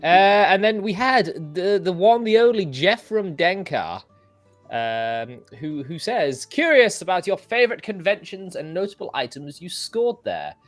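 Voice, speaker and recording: A man's voice: high voice, very animated, measured pace, dry recording, soft background music. An English man hosting a casual livestream chat, rambling and self-deprecating with many restarts. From England. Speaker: host.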